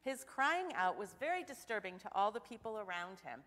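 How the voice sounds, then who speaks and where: A young woman giving a children's sermon in church, asking the children questions in an animated way. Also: medium pitch, fairly quick. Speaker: children's message leader. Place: church sanctuary. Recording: church hall reverb.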